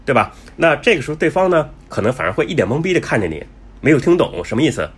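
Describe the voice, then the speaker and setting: Male travel vlogger, husky, lively pitch, chatty with lots of fillers. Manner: chatty, many fillers and restarts; says he talks fast. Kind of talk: casual explanatory talk.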